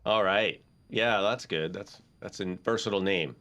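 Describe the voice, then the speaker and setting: A man's voice: low-pitched, normal speed, bright, forceful tone. A man hosting an interview over a video call, easygoing and affirming, asking long rambling questions. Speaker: podcast host. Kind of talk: casual interview chat.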